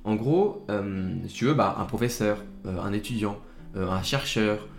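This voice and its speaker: A man's voice: on the low side, moderate pace, faint music behind. A young man hosting his own podcast, chatting casually and rambling with lots of fillers and restarts while addressing the listener directly. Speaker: podcast host. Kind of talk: casual solo podcast talk.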